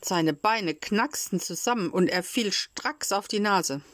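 A woman reading a children's story aloud in a calm, measured way. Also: medium pitch. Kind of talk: audiobook reading of a children's classic.

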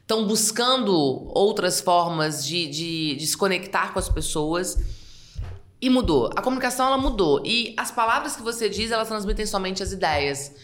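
A woman, a communication specialist, explaining on a podcast in an expressive way and acting out example quotes. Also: mid-range voice. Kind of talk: casual podcast chat, explaining.

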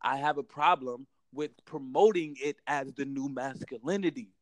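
A man's voice: medium pitch, moderate pace, no echo. A young American man in a heated casual debate, emphatic and repetitive, full of slang and constantly saying bro.

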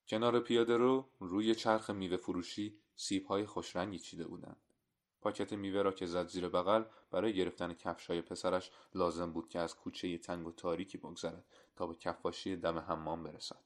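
Lower-voiced man narrating a short story. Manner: steady, measured storytelling. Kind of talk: literary audiobook narration.

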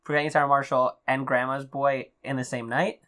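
A woman hosting a casual chat in an informal, halting, teasing way. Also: rumbling low, flat delivery, a bit bright. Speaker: podcast host.

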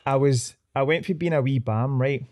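A man's voice: medium pitch, moderate pace, darkish tone. A man with a Glasgow street accent chatting casually as a podcast guest, telling personal stories in slangy, sweary speech peppered with "mate". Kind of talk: casual chat, personal anecdotes.

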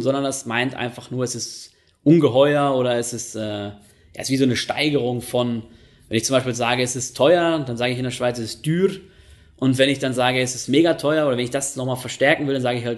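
A man, hosting a podcast in a casual, chatty monologue full of fillers and self-corrections. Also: mid-range voice. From Germany. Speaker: podcast host.

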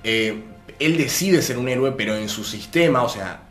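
A man's voice: mid-range voice, animated, moderate pace, a bit bright, reverberant, soft background music. A man co-hosting a casual podcast chat, speaking Rioplatense Spanish in a rambling way and explaining at length. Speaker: podcast co-host.

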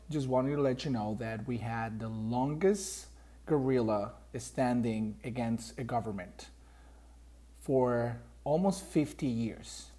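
A man's voice: mid-range voice, warm tone. A man from Colombia with a Colombian Spanish accent, a native Spanish speaker, hosting a solo podcast and explaining politics earnestly with frequent fillers. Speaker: podcast host.

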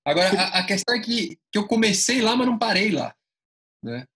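São man, casual storyteller, quick and lively delivery, acts out quotes. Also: high-pitched. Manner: animated, acts out dialogue.

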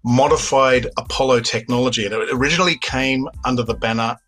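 Soft background music accompanies an Australian-accented documentary filmmaker in his fifties, originally from Sydney, recounting anecdotes with enthusiasm as a podcast guest. He talks quickly in a mid-range, fairly bright voice with fairly even intonation.

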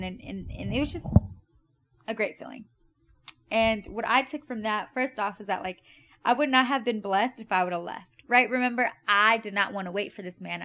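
A young woman tells a personal story on her podcast, casual and chatty. Her pitch sits in the middle of the range, and she keeps leaning on "like" and "right?" as she goes. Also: fairly bright tone. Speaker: podcast host.

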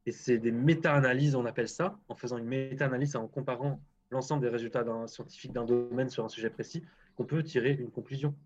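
A man's voice: medium pitch, fairly even intonation, fast talker, muffled recording. A man speaking as a guest scientist in a casual interview, frank and hesitant, often restarting his sentences.

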